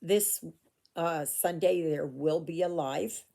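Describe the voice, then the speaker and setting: An older woman from Canada, who vlogs about cross-stitch, chats as she stitches at home, recorded on a phone camera. She talks slowly in a deep, gravelly, mellow voice, rambling through fillers and asides.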